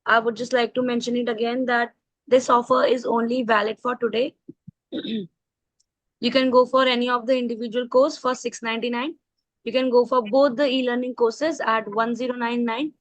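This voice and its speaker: High, dry-sounding Indian woman coordinator. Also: level tone, moderate pace, no room sound, low-quality recording. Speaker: online workshop coordinator. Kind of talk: announcements of offers and thanks.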